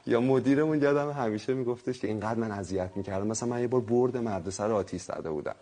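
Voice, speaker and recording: A man's voice: mid-range voice, mellow. Brief: thirties man, self-mocking storyteller, laughs easily. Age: 30s. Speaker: guest. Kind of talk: casual storytelling.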